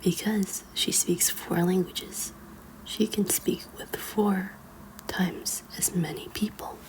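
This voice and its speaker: A woman reads a children's book aloud as ASMR in a hushed, librarian-like whisper. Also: mid-range voice, fairly even intonation, slow pace, rough recording. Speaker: ASMR reader.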